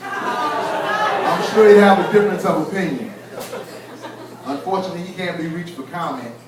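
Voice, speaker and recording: A man in his forties from Kentucky works through a stand-up set, his voice pitched high for a man and his delivery wry and built around punchlines. The sound is heavily echoey and comes from a distance, with clear noise from the club behind him. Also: animated, a crowd in the background. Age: 40s. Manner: wry, punchline-driven delivery with quick acted asides. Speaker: stand-up comedian. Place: comedy club stage.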